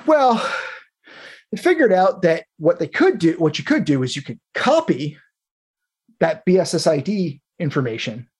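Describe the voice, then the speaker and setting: A man's voice: fairly high pitch, big pitch swings, moderate pace, a little mellow, slightly rough. A man in the role of host, talking through technical material in an informal, explanatory way and thinking aloud as he goes.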